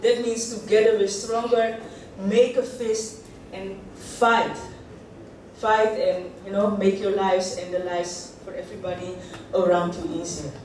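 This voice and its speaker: Animated speaker. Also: medium pitch, unhurried. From Netherlands. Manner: animated, jokey, leads call-and-response chants. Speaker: union board member giving a ceremony speech. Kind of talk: lively public speech to graduates. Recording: echoey hall, voice from far off, noisy room.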